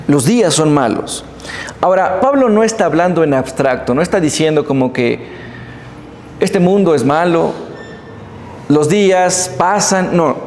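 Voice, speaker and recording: Male preacher, high and lively voice, long church-hall reverb, faint room hum. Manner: animated storytelling, addresses congregation directly. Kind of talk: sermon.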